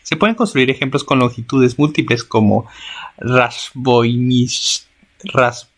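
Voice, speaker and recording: A man's voice: medium pitch, very animated, a little fast, slightly rough. A man reading a grammar text aloud as a lesson, often restarting words and sounding out example words.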